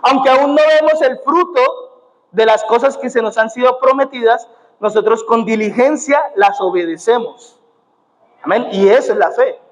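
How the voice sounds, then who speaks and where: A man's voice: very high-pitched, normal speed. A young man with a Colombian accent preaching a sermon in church, often adding "amén" and "gloria a Dios". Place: church sanctuary. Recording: dull muffled sound in a reverberant church.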